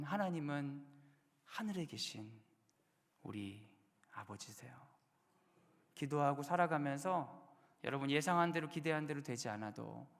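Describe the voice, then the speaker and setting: Animated preaching man, gravelly voice. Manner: animated preaching, sudden loud bursts and hushed low endings. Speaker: pastor. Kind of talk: sermon. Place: church sanctuary. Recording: long hall reverb.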